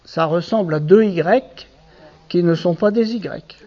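A man's voice: high-pitched, measured pace, a little mellow, dull audio. A man teaching a Hebrew reading lesson to a class, patiently spelling out letters and syllables one by one.

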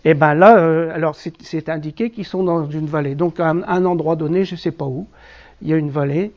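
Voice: medium pitch, fairly even intonation, fairly quick, a little mellow. A teacher leading a classroom lesson on biblical Hebrew, explaining patiently step by step with frequent hesitations. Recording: dull lo-fi classroom recording.

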